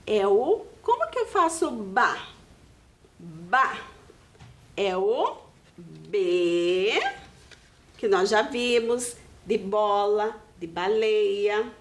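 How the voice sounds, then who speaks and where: A woman's voice: mid-range voice, expressive, drawn-out words, reverberant. A Brazilian woman teaching a video lesson to young children, patient and sing-song as she explains. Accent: Brazilian Portuguese. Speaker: primary school teacher.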